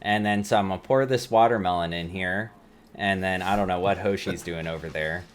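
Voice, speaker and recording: A man's voice: low-pitched, fairly quick. A man co-hosting a casual podcast, talking in a playful, joking way. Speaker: podcast co-host.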